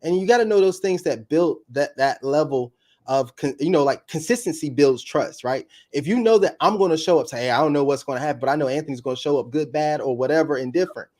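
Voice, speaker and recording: A man, a YouTube coach, explaining his advice to an interviewer, with fast bursts of enthusiasm. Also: a little high, a little mellow. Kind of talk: casual interview talk.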